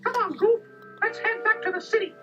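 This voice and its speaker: A man voicing a plucky, cheerful cartoon mouse in a squeaky falsetto for a children's audio storybook, earnest and kindly. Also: fairly quick. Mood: curious, determined. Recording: dull lo-fi tape, music behind.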